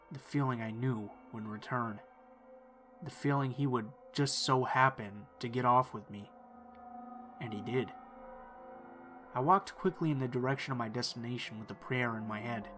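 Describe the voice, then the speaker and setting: A man reading first-person horror stories in a calm, measured storytelling voice. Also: mid-range voice. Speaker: narrator. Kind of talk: scripted horror narration.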